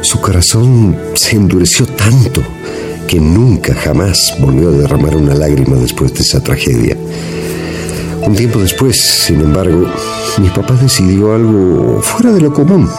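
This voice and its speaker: A man's voice: low voice, big pitch swings, normal speed. An actor playing a grown son recalling his mountain childhood in a folksy, reminiscing dramatized narration. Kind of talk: dramatized first-person narration. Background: guitar music.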